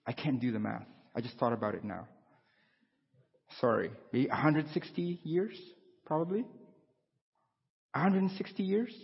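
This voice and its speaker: A man's voice: medium pitch, moderate pace, gravelly, long pauses, husky. A man, preaching a conversational sermon and asking his congregation questions. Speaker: pastor. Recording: dull lo-fi sound with long hall reverb.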